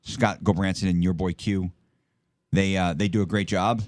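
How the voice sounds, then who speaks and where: A man's voice: deep voice, fairly even intonation, moderate pace, no echo. A man who produces a radio show, telling stories in casual chat on a studio microphone. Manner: chatty, storytelling.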